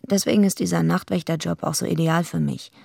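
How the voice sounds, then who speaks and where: Tough female wrestling villain, heavy gravel, raspy, blunt deadpan storytelling, radio play. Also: on the low side, a little fast, dry recording, clean studio sound, heavily acted. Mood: brooding, confiding. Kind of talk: first-person radio play narration.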